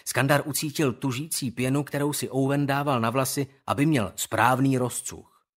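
A man reading an audiobook in calm, measured scripted narration. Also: medium pitch.

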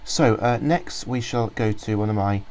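In a casual screen-recorded walkthrough, a software reviewer rambles through a program, full of ums and restarts. His voice is fairly low, a little mellow, and at normal speed, with a bit of hiss or hum.

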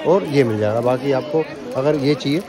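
A man's voice: mid-range voice, moderate pace. A young man vlogging through a busy street market, asking vendors for prices and repeating them to his viewers. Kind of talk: casual walkaround vlog. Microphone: handheld camera, point of view and selfie. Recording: outdoor market crowd noise. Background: crowd chatter.

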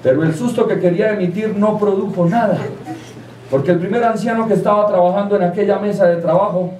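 A man with a Colombian accent telling a comic folk tale live on stage, animated and crude. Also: high-pitched, fast. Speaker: storyteller comedian. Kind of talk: live comedic storytelling. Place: live stage before an audience. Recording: roomy live room, distant mic, loud crowd.

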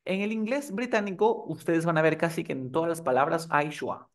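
A man's voice: on the high side, fairly quick. A man teaching English in a live online class, often asking the students if they are following. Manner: asks the class frequent checking questions.

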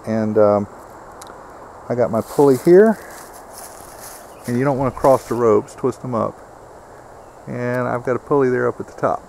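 A man's voice: mid-range voice, moderate pace, gravelly, long pauses, a little mellow, a little hiss or hum. Plainspoken man outdoors. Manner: plainspoken, many uh fillers, explains step by step. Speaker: homesteader demonstrating a build. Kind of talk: casual how-to walkthrough. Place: outdoors on a rural wooded homestead.

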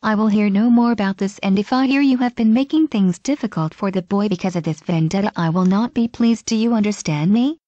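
A woman's voice: medium pitch, a little fast, hardly any pauses, warm tone, no echo, dull audio, close to an everyday voice. A woman voicing a weary old male village leader who speaks curtly and commandingly. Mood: stern. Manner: curt, commanding.

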